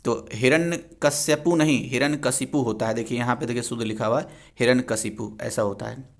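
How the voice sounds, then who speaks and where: Young male language teacher, mid-pitched and conversational, drilling spelling corrections. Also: steady tone, quick pace, vocal fry. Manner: explanatory, repeats words to correct spelling. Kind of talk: exam revision lesson.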